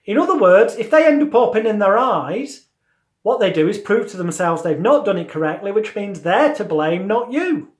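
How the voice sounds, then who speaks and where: A man giving an instructional lesson as a hypnotism teacher, with deliberate, emphatic phrasing and repeated lists. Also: sits high, big pitch swings. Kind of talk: instructional lesson with demonstrated patter. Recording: roomy, echoey sound.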